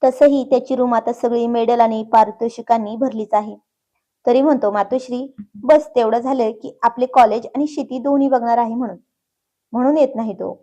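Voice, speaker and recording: A woman's voice: a little high, fairly even intonation, normal speed, close to an everyday voice. A woman voicing an affectionate middle-aged mother who speaks fondly and proudly, in a storybook reading. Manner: warm-hearted and fond.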